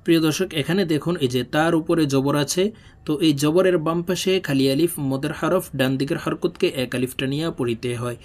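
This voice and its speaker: A man teaching Quran reading, who explains quickly and then recites and spells each syllable slowly and drawn-out. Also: a little high, a little mellow. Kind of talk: religious reading lesson.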